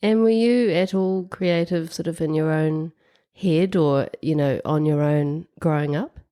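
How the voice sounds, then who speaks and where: A New woman in her fifties hosting a podcast interview, talking in a chatty way with a croaky voice. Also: sits low, measured pace, dark tone. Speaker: podcast host. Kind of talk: casual interview chat.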